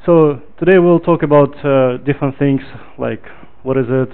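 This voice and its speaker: A man's voice: medium pitch, moderate pace, smooth. A man from Ukraine giving a technical talk at a meetup, speaking English with frequent "uh" fillers. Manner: relaxed, filler-heavy, loud when projecting to the room. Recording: tinny phone-like audio.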